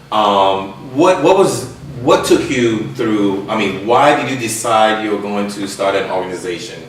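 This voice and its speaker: A male radio host asks his questions in a measured, hesitant way. His voice is very low. It sounds distant and bounces around an echoey room, with faint noise underneath. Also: a bit bright. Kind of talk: live radio interview.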